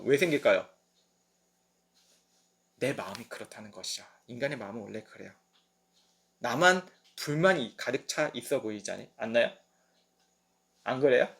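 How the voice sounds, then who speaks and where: Lively, higher-voiced preacher man. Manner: lively storytelling that acts out quoted voices. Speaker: pastor. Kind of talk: sermon at a midweek service.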